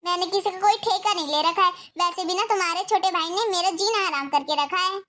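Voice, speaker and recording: A woman's voice: extremely high pitch, fairly quick, pushed and bright. A woman voicing a resentful young wife in a cartoon story, scolding and demanding. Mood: angry.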